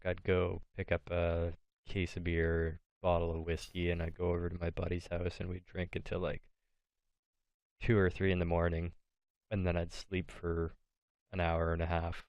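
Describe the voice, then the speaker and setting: A young man with a very low, smooth and resonant voice, chatting casually on a podcast. He tells rowdy stories with dry jokes and plenty of swearing, and the sound is close and dry. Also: completely flat delivery, normal speed, dry recording. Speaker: podcast co-host. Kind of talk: casual chat.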